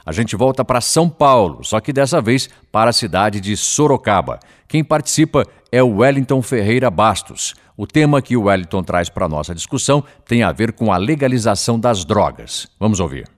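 A man hosting a radio program, presenting callers and reading out a phone number in a measured announcer delivery. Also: fairly low pitch, animated.

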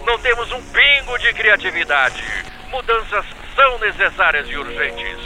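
A man's voice: sits high, big pitch swings, normal speed, music in the background. An actor playing a fervent male football commentator in vintage 1950s radio style. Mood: urgent, solemn. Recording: noisy old radio broadcast sound.

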